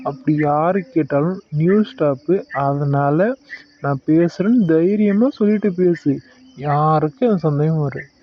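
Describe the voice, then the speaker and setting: Guy doing a caring cartoon husband, fairly high voice, coaxing, kinda lo-fi. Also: measured pace, a little hiss or hum, close to an everyday voice. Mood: comforting. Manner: comforting, coaxing, affectionate scolding. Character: young husband Aravind, protective and soothing. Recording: dull lo-fi sound.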